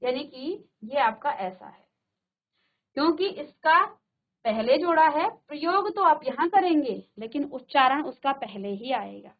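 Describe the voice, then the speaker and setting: Brief: high-pitched woman teacher from a virtual-classroom studio, patient, repeats sounds for the class, narrow phone-like audio. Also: lively intonation, a little slow. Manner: drills sounds by repeating them, checks with "ठीक है". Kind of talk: classroom grammar lesson.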